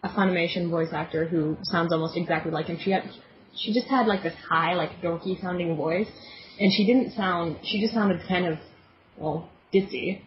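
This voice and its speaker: A woman's voice: lowish voice, normal speed, a little hiss or hum. Blunt, teasing woman podcast co-host. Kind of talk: casual podcast chat. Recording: muffled lo-fi recording.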